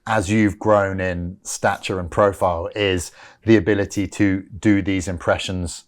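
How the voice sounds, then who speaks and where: A man's voice: deep voice, fairly even intonation, unhurried. A man hosting a podcast interview, asking friendly, rambling questions with repeated words. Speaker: podcast host. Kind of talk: casual interview chat.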